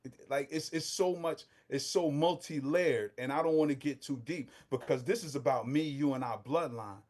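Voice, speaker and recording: A man's voice: fairly high pitch, normal speed. Impassioned Brooklyn man, street slang. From Brooklyn, New York. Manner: impassioned, street slang, rising to near-shouting. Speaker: guest. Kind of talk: casual podcast discussion.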